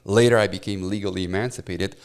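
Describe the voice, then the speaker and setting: A man in his forties with a fairly low voice, born and raised in Romania and a native Romanian speaker. He gives an earnest, heartfelt personal testimony as an interview guest. He often pauses on "uh" as he tells his story. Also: fairly even intonation, smooth. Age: 40s. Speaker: guest, professor.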